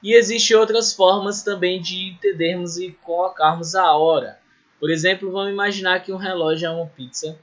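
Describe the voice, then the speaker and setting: A man's voice: high-pitched, fairly even intonation, a bit bright. A male English teacher with a Brazilian Portuguese accent, going over a lesson review for students and checking in often with "certo?" and "beleza?". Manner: explains slowly, repeats and checks with "certo?" and "beleza?". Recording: dull lo-fi recording.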